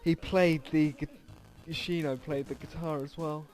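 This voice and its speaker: Here a man with a fairly high, slightly mellow voice narrates a visual novel let's play at a moderate pace and fairly even intonation. He reads casually, tosses in asides, and trips over a word now and then, with game music in the background.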